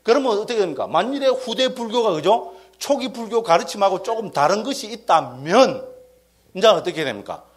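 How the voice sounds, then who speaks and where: High-voiced monk lecturing with lilt. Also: male voice, a little fast. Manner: animated, keeps asking the audience for assent. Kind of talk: dharma lecture.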